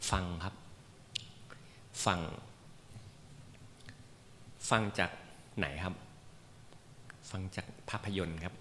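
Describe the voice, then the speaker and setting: A man with a somewhat low voice gives an informal lecture to a class, chatty and joking, with plenty of fillers. His voice rings with the long reverb of a hall, and a faint hiss of noise sits underneath. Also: a bit bright. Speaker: meditation teacher.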